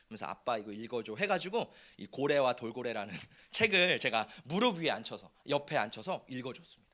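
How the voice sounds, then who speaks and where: Lively, bright-voiced man preaching a sermon. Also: mid-range voice, fairly quick. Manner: animated preaching with questions to the congregation. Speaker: pastor.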